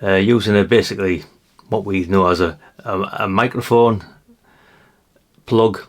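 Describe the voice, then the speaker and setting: A British vlogger shows off a haul of vintage CB radios in a casual, hands-on way, musing aloud and rambling with chatty asides to viewers. His voice is on the low side and unhurried.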